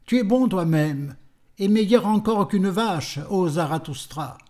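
A man voicing a gentle, humble beggar in an audiobook, speaking softly and contentedly. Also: high-pitched, animated, measured pace. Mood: content.

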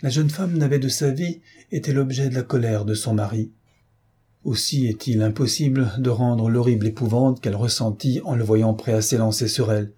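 A man narrating a novel aloud, voicing both husband and wife in a steady dramatic reading. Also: medium pitch, slightly rough.

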